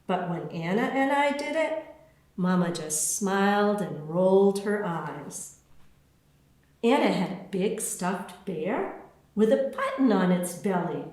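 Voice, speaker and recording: A woman with a medium-pitched voice reads her own children's picture book aloud, slow and expressive, in an echoey room. She delivers the story deliberately, leaving space between phrases.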